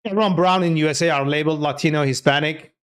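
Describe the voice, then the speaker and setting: This programmer talks fast in a fairly high, clear, resonant voice. Born speaking Turkish and carrying the accent, he livestreams in a loose, casual way, narrating his thoughts as he codes.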